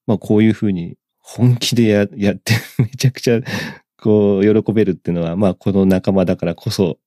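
A man hosting a casual chat, lively and excitable, laughing often. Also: fairly low pitch, fairly quick, no room sound, clean studio sound. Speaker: podcast host.

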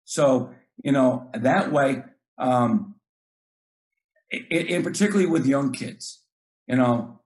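A man's voice: medium pitch, slow, a little mellow. A middle-aged man, a basketball coach, talking earnestly in casual chat, often repeating words and acting out what he tells his players.

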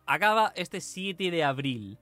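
A man hosting a casual podcast about anime, relaxed and trailing off as he talks. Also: fairly high pitch, unhurried, dry recording, soft background music. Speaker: podcast host.

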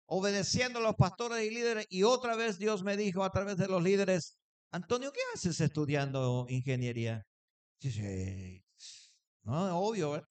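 A man's voice: high voice, clean tone. A man preaching a sermon, telling a personal story and acting out the dialogue. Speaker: pastor.

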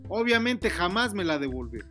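A man's voice: high voice, big pitch swings, moderate pace, bright, forceful tone, soft background music. A man talking to his daughter in a casual heart-to-heart, earnest and preachy, lecturing her about humility. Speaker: father giving advice.

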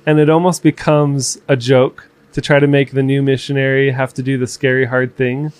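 A man in his twenties chatting casually as podcast co-host, reflective and halting, with fillers and restarts. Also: medium pitch, level tone. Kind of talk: casual conversation.

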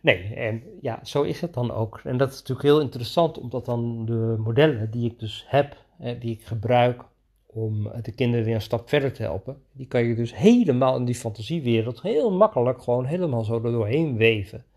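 A man who coaches children in his own practice, telling a podcast story in an enthusiastic, animated way. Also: medium pitch, brisk. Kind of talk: podcast monologue.

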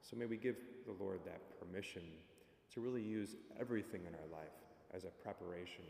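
A man speaking as a priest at Mass, measured, in a big church with cathedral echo. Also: deep voice, creaky, warm tone. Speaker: priest preaching a homily at Mass. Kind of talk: Gospel reading and sermon. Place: large reverberant church interior. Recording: echoey church hall, long cathedral-like reverb.

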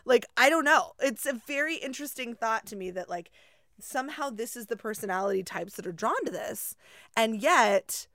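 A woman's voice: a little high, normal speed, no echo, clean studio sound. Chatty woman choir teacher co-hosting. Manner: animated, chatty, asks rhetorical questions. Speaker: choir teacher, podcast co-host. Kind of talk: casual chat.

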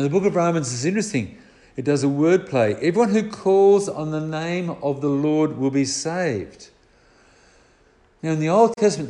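A man preaching a sermon in an earnest, emphatic way, slowing down to draw out key words. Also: a little high, dark tone.

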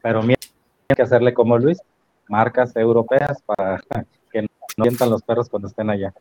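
A male guest joining a talk show remotely, speaking quickly and with a light joke. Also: mid-range voice, fairly even intonation, no room sound, highs cut off. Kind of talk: casual chat.

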